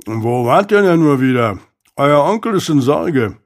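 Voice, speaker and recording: A man's voice: fairly high pitch, moderate pace, a little mellow, lightly acted. A man voicing a plain-spoken male servant who keeps the gate, in a blunt, matter-of-fact way, in an audiobook. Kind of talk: audiobook character voice.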